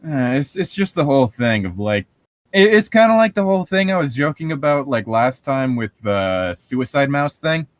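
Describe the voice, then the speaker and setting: With a medium-pitched, sing-song voice at a moderate pace, a man co-hosts a podcast, chatting casually and riffing on horror stories. He rambles and swears freely, and the studio recording is clean, with no room sound.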